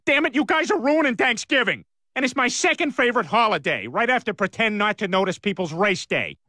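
An actor voicing a bumbling cartoon family man who rambles with many fillers and bursts into shouting. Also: sits high, expressive, brisk. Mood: rambling.

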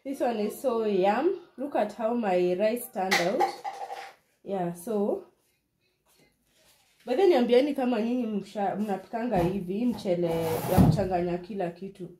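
A Kenyan woman with a Kenyan accent and a medium-pitched voice chats casually to viewers while cooking in her home kitchen, speaking at a measured pace and mixing in Swahili phrases. This cooking vlogger's demonstration is a low-quality recording with a little hiss or hum and loud music under her voice.

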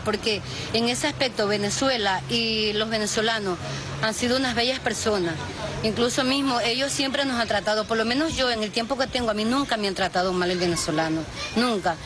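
Woman, middle-aged, heartfelt talk, fairly high voice, outdoor noise. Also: a little fast. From Ecuador. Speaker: interviewee. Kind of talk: street interview. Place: outdoors among plants.

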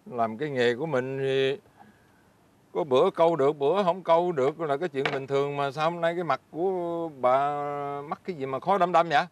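A man's voice: fairly high pitch, brisk, slight background noise, lightly acted. An actor playing a poor, good-natured old fisherman who talks meekly and hesitantly with frequent chuckles. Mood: placating.

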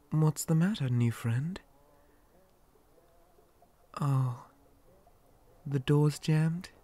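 In an ASMR roleplay, a man voices a creepy, possessive living doll boy, fully in character. His medium-pitched voice is soft and often a whisper, carrying a politely curious, gentle childlike sweetness that feels unsettling.

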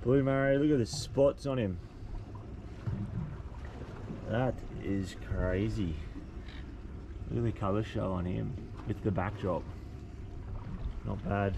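An Australian man filming his fishing trip on a boat at sea with an action camera, giving loud, excitable commentary and swearing casually. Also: lowish voice, unhurried, gravelly, pauses often. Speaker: fishing vlogger. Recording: outdoor boat noise. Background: wind, water and boat engine.

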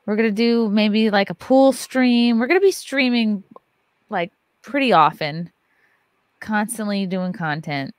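The host, a woman in her thirties, runs a loose, jokey livestream podcast full of swearing from her neon-lit home studio. Her medium-pitched voice moves at a measured pace, captured dry and close on a large studio mic on an arm with no room sound.

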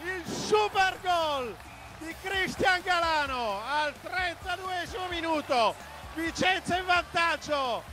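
A man giving excited, breathless, exclamatory football goal commentary with music behind him. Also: very high-pitched, takes it slowly. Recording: music over TV match commentary.

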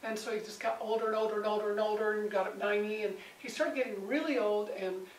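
A woman leading a conversational Bible study with a small group, animated and acting out the voices she quotes. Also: medium pitch, fast talker. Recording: roomy, distant mic, faint background noise.

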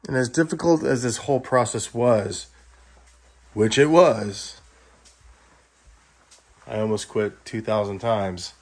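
A middle-aged man from Los Angeles narrating a tour of the video store he built at home, in a relaxed, wry, matter-of-fact way. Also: medium pitch, slow pace, pauses often. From Los Angeles, California.

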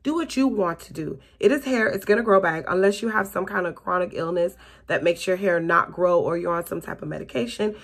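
This beauty vlogger, a woman in her late thirties from Florida with a Southern US accent, has a fairly low, creaky voice and a brisk delivery. While putting on makeup in a small bedroom, she chats and rambles through a get-ready-with-me vlog, laughing a lot and addressing everyone as "you guys." She's recorded by a camera placed close in front.

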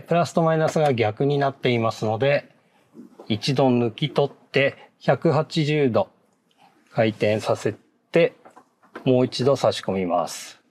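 A man of ordinary pitch walks through an installation one step at a time. He talks in a polite, measured way and marks each step with a short "hai". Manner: polite, measured, repeats "hai" between steps. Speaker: product installation instructor. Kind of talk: step-by-step how-to narration.

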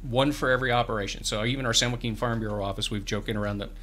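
This man in his fifties, guesting in a small radio studio for the farm bureau, explains programs with earnest intent and frequent restarts. His mid-range voice comes out rapid-fire and sharp, with fairly even intonation. He has headphones on and a studio microphone on a boom arm.

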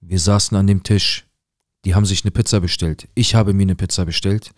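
A man narrating a dramatic first-person story, mostly low and hushed, with agitated quoted outbursts. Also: steady tone, brisk, dry recording, clean studio sound. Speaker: storyteller recounting a viewer's story.

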